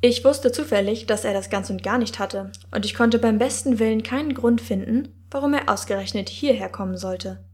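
A woman's voice: a little high, normal speed, few pauses, darkish tone. Woman reading a fantasy audiobook. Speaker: audiobook narrator. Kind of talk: first-person fantasy audiobook narration.

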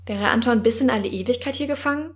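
A woman narrating a first-person fantasy audiobook in a wry, measured manner. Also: fairly high pitch.

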